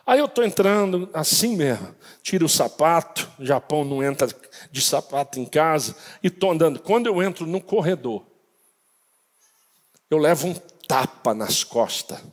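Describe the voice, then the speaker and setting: A man preaching a sermon as pastor, telling a story dramatically and rising to shouts at the peaks. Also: on the high side, lively intonation, moderate pace, big-room sound. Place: church.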